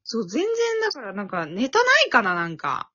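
A woman's voice: mid-range voice, huge pitch swings, fairly quick, bright, forceful tone, husky. A young woman co-hosting a casual comedy podcast, firing blunt, teasing retorts. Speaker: co-host. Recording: lo-fi, muffled audio.

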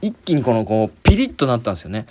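A man's voice: medium pitch, very animated, very fast, darkish tone. A man hosting a podcast, telling a story in a casual monologue and acting out scenes with sound words. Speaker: podcast host.

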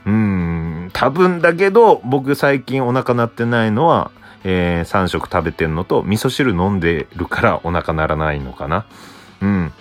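Rambling man with lively pitch. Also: unhurried. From Hokkaido. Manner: rambling, self-answering with frequent soft "un" fillers. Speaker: podcast host. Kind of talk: solo casual talk.

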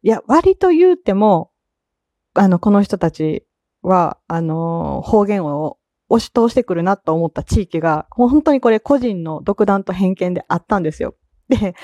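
A woman with a Kansai accent chatting casually on her own podcast, laughing often and filling pauses as she goes. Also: medium pitch, mellow, no room sound, clean studio sound. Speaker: solo podcast talker. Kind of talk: casual solo chat.

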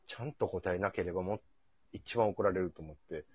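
Low-voiced Kansai man, animated raconteur in casual conversation, husky edge, slightly muffled recording. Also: a little fast, no room sound. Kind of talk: casual chat and anecdote telling.

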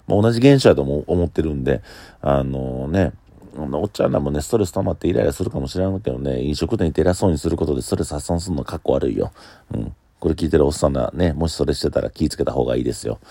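Kansai bar owner, man, very low and fast, blunt solo talk, dry close recording. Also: vocal fry, mellow, no echo. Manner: blunt, opinionated.

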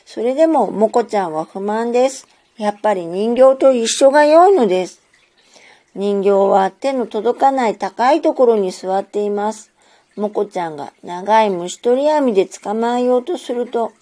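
A woman narrating a children's story in a gentle, measured storytelling manner. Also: medium pitch.

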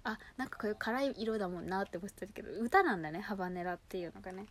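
A woman chatting casually and without a script as a show host, gushing excitedly and muttering asides to herself as she handles things. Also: mid-range voice, racing, a little hiss or hum. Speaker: host of a personal audio show. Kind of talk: casual unscripted chat to listeners while unboxing and sorting cosmetics.

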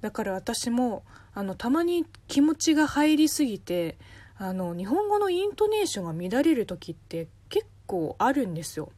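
Host, woman from China, Chinese-accented, casual explainer, animated melody, dry close mic. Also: normal speed, no room sound. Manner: chatty, explains with spoken examples, lively pitch swings. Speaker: podcast host answering listener questions. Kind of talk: casual solo radio talk.

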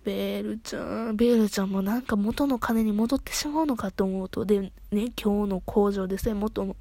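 A woman with a Kansai accent hosts a solo podcast, chatting excitedly like an eager fan. She often stops to restart her sentences. Her voice is mellow and soft-edged, recorded dry with no room sound. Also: medium pitch, fairly quick, no echo. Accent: Kansai Japanese. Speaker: podcast host. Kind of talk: casual solo podcast chat.

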